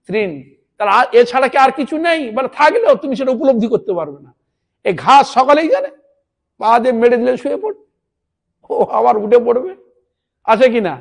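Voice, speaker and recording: High-voiced man giving a devotional sermon. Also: vocal fry. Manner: keeps checking in with listeners through rhetorical questions; drops into a lower, softer voice at the ends of points. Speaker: Vaishnava monk preacher.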